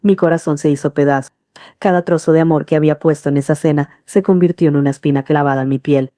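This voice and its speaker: A middle-aged woman reads a first-person story in a calm, earnest manner. Her voice is low and dark-toned. The recording is close and dry. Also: quick pace, no room sound. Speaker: narrator. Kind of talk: scripted first-person narration.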